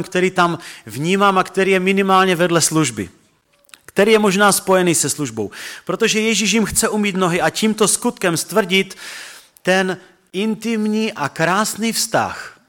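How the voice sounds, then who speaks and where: A man preaching a sermon and reading scripture aloud, earnest and reverent, slowing and dropping low on key words. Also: fairly bright tone. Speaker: pastor.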